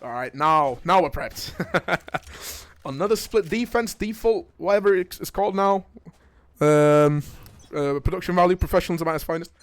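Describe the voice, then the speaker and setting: A young man casting a live esports match, jokey and excitable, rising to shouts on big plays and dropping to quiet asides. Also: on the high side, moderate pace. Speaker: esports caster.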